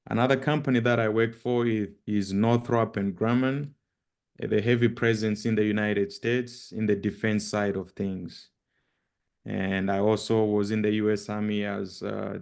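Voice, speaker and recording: A man with a Zambian accent and a fairly low, creaky voice gives an informal guest-speaker presentation, introducing himself. He speaks haltingly, repeating words and pausing often.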